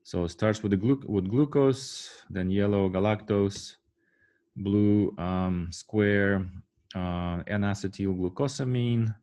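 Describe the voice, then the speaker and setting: A man giving a university science lecture, halting often with fillers and restarts and checking in with the class. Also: lowish voice, warm tone. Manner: asks the class rhetorical "right?" checks.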